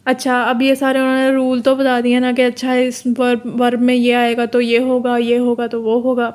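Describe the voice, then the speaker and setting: A Pakistani woman walks students through exam material in a casual, step-by-step way. Her voice sits on the high side and stays flat, with little melody. She slows right down to read out the English terms. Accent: Pakistani Urdu. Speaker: tutor. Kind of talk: exam-prep lecture.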